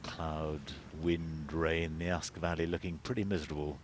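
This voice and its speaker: A man's voice: rumbling low, little pitch movement, normal speed, background noise. A man giving live golf commentary as the co-commentator, analysing play in a conversational way.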